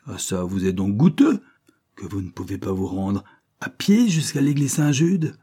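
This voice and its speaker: A man reading an audiobook, voicing an irascible, sarcastic older spinster who scolds in loud outbursts. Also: on the low side, big pitch swings, normal speed, slightly rough. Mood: angry. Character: irascible sharp-tongued older spinster woman.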